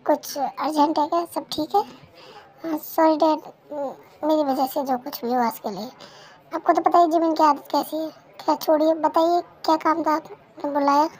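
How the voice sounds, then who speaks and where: A woman's voice: high voice, steady tone, normal speed, a little mellow, lightly acted, rough recording. A woman voicing a cold, blunt young male CEO husband in a fan-made dubbed story. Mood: contrite. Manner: blunt, dismissive, then apologetic. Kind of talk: fan Hindi dub role-play.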